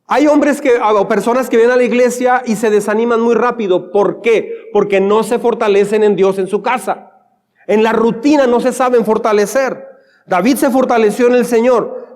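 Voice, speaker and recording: A man's voice: sits high, a little mellow. A man preaching a sermon in a church, speaking conversationally and acting out little everyday scenes. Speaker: pastor. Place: church sanctuary. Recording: long church reverb.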